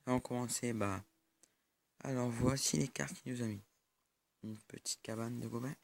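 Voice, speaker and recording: Over footage of his screen, a young man on YouTube talks through a mobile game in a creaky, mid-range voice at a moderate pace with fairly even intonation. His commentary is casual but halting, full of fillers and restarted sentences.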